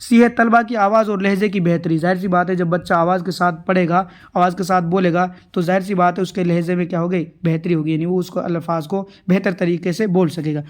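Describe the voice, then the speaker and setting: Male tutor, high voice, explains answers step by step with rhetorical questions. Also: fairly even intonation, a little fast, few pauses. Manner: repetitive, rhetorical questions, addresses viewers as friends. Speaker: exam tutor. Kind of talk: answer-key lesson.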